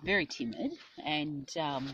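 A woman's voice: low-pitched, measured pace, very noisy. A woman, a riding instructor, chatting casually and telling a long story about a lesson, acting out what people said. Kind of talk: casual chat.

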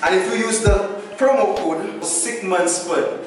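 A man's voice: sits high, unhurried, recorded from a distance. A young man with a Saint Lucian accent hosting in casual, slangy hype talk full of catchphrases. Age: young adult. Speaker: host. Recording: very echoey room, loud music behind.

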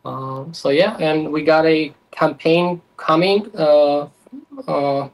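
A man's voice: on the high side, fairly even intonation, slow pace, rough recording. A man in his thirties from Albania, a guest talking about his playing cards in a casual interview with many fillers. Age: 30s. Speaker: guest, playing card designer. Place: small room with playing cards on a desk.

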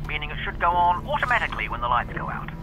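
An actor playing a chatty, wry resistance engineer in a video game, delivering teasing asides and long reminiscing stories with a dry storyteller's delivery. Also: male voice, on the high side, big pitch swings, very fast, background noise. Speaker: game character.

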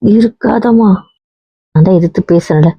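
A woman's voice: medium pitch, moderate pace, creaky, husky, dry recording, highs cut off. A woman playing a wife in a scripted family drama, coaxing and teasing her husband.

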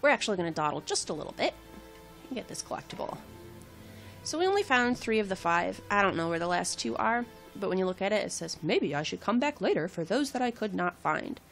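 A woman's voice: mid-range voice, very animated, brisk, vocal fry, a bit bright, faint music behind. A woman hosting a let's play, giving casual, chatty game commentary with wry asides.

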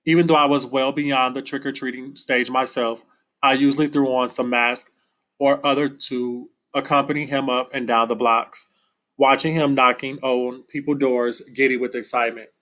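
A man reading a novel aloud in a plain, unhurried way, with small slips and restarts. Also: medium pitch, level tone, a bit bright, low-quality recording. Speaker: reader.

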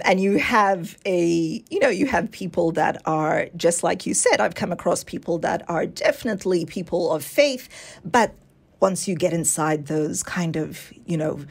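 A woman, a guest in a casual interview, telling a story with lively energy, acting out other people's voices and laughing often. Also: fairly low pitch, creaky, breathy edge.

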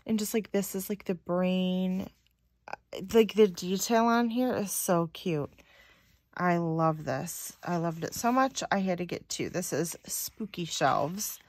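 A woman's voice: lowish voice, slow pace, darkish tone, no room sound. Chatty woman unboxing planner stickers. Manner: chatty, reads sticker phrases aloud, many likes and ums. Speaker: planner haul vlogger. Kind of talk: casual unboxing chat.

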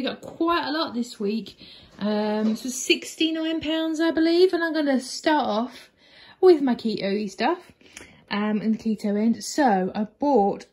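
A chatty English woman in her forties shows off her weekly grocery haul, her voice set a little high and breathy. She talks in an upbeat, rambling way, full of fillers and restarts. She records on a phone in her kitchen at home. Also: a little mellow. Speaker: vlogger. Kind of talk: casual grocery haul vlog. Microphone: phone camera at arm's length.

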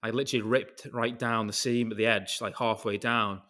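A man's voice: medium pitch, steady tone, normal speed, bright, forceful tone. A British man chatting casually on a podcast, telling stories in a rambling way that jumps between tangents and drops the odd swear word. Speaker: podcast guest, concrete craftsman. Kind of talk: casual chat.

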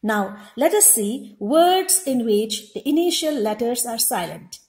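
Slow, high-voiced woman teaching a lesson. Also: animated, darkish tone. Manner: repeats each example word slowly and explains. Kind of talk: slow, deliberate classroom lesson. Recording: echoey room.

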